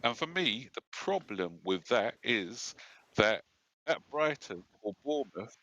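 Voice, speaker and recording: A man's voice: medium pitch, sing-song, a little slow, noisy background. A man rambling in casual chat, with many restarts, his audio breaking up over a video call. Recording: dull lo-fi online call audio.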